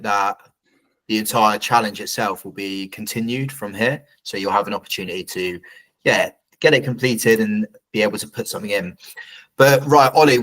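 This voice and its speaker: Male host, lower voice, easygoing informal delivery, video-call chat. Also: fairly bright tone, poor audio. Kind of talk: casual meeting chat.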